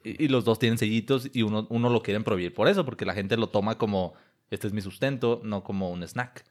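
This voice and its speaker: Low-pitched guy arguing a point casually, lots of fillers. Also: fast talker. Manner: hesitant, argumentative, slangy. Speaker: podcast co-host. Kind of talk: casual chat.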